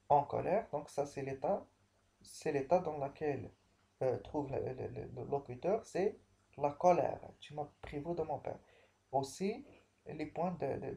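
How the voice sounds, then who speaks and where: Male language teacher, remote lesson; unhurried, warm-toned delivery, halting and repetitive. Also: fairly high pitch, creaky. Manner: slow, repetitive explaining with many restarts. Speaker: French teacher.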